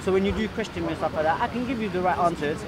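A young man from Bangladesh defending his view in a heated outdoor debate, talking fast with stumbling restarts. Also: high-pitched. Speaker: debate participant. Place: outdoor park by a kiosk, city crowd. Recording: outdoor crowd noise. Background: crowd chatter.

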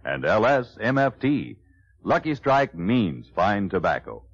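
An American man reading a 1940s radio advertisement as an emphatic, measured announcer. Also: lowish voice, big pitch swings, breathy edge. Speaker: commercial announcer. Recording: muffled 1940s radio recording.

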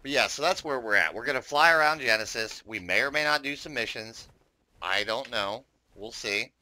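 A bright-voiced man rambles through casual commentary on his game, talking straight to viewers. His pitch swings up and down a lot, and he swears freely as he plays. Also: animated, normal speed. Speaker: gaming YouTuber.

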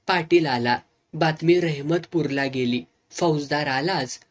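Earnest serial-novel storyteller, steady delivery. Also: mid-range voice, slow.

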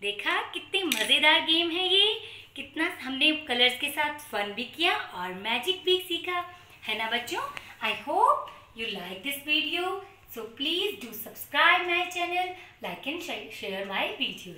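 An Indian-accented woman speaks to young children as their kindergarten teacher. Her voice is high and bright, with big swoops in a sing-song, questioning manner and a playful touch of kids' magician patter. It is recorded in an echoey small room. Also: big pitch swings, takes it slowly, slight background noise. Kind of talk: children's lesson presented to camera. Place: small room at home, indoors.

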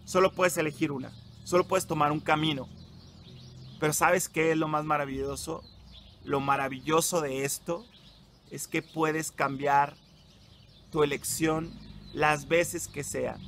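A man's voice: a little high, steady tone, unhurried, a bit bright, a little hiss or hum. A young Mexican man, a psychologist, giving an emphatic motivational talk to teenagers and putting direct questions to them. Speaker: psychologist and workshop leader.

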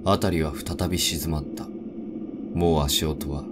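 A man narrating a first-person horror story in a deliberate, suspenseful way. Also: rumbling low, fairly even intonation, background noise. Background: background music.

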